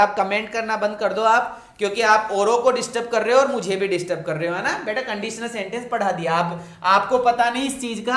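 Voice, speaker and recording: A man teaching English punctuation in an online coaching lecture, who repeats his phrases, drawls out the example sentences very slowly and calls his students "my child". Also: high voice, bright, forceful tone, echoey room.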